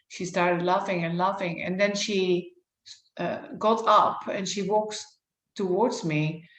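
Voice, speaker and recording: Woman, yoga therapist guest, earnest and rambling, lowish voice, roomy echo. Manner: earnest, explains at length with many fillers and restarts. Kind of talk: conversational interview. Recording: echoey room.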